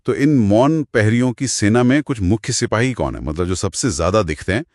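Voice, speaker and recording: A man with a lowish voice co-hosts an explanatory podcast and swings his pitch widely as he talks. He tells little stories and keeps asking questions. The sound is dry and close. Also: animated, a little fast, a little mellow, no room sound. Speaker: podcast co-host.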